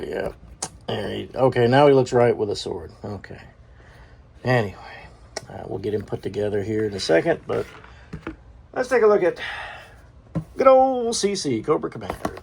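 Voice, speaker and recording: A man's voice: mid-range voice, gravelly, a little mellow, a little hiss or hum. A man hosting his own toy review show, talking through an unboxing in a rambling, chatty way, often correcting himself with a chuckle. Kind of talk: casual unboxing chat.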